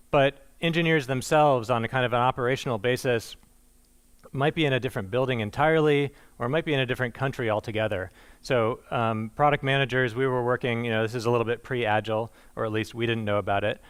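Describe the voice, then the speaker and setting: A man's voice: medium pitch, quick pace, clean tone. A man giving a conversational conference presentation, with frequent fillers and restarts and a dry, self-deprecating humor. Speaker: conference speaker.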